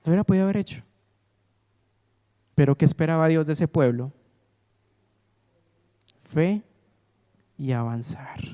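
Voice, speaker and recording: A man's voice: a little high, animated, measured pace, long pauses, dark tone, clean tone. A man preaching a sermon in a church, repeatedly asking the congregation to call out the missing word. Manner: call-and-response, asks congregation to fill in words. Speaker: pastor. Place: church sanctuary. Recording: long reverb of a church hall.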